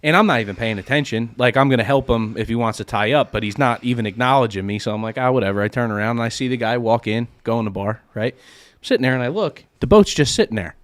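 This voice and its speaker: A man hosting a casual podcast chat, laughing often and telling lively stories. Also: mid-range voice, fast, few pauses, no echo. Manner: laughs often, animated storytelling. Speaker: podcast host.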